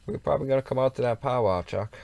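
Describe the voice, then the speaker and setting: A man's voice: mid-range voice, fast talker, creaky, darkish tone, no room sound. A man co-hosting a casual livestream, chatting in a rambling, repetitive way with plenty of swearing. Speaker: livestream co-host.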